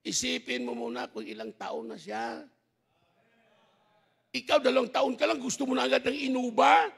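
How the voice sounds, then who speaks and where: A middle-aged man preaching a storytelling sermon at a church graduation service, animated and laughing, shouting for emphasis. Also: very high-pitched, moderate pace, gravelly, breathy edge. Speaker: pastor.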